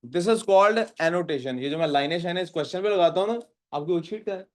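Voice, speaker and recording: A man leads a physics lesson in a classroom, and his voice sits a little high for a man. He reads each question slowly in English, then explains it in Urdu. He keeps checking in with his students, asking them for the answers. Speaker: physics teacher. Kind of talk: classroom lecture.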